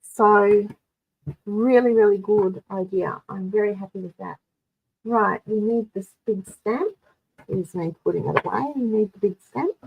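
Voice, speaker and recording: A woman's voice: medium pitch, unhurried, gravelly, husky, phone-quality sound. A woman running a live card-making tutorial, chatting through each step for her viewers. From Australia.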